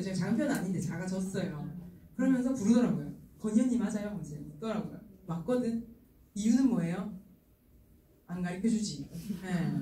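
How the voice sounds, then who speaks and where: A middle-aged woman giving a lively sales talk to an audience, acting out the people she quotes and laughing often. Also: on the high side, distant mic, a little hiss or hum. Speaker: skincare sales speaker. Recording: roomy hall, voice from afar, faint ambience.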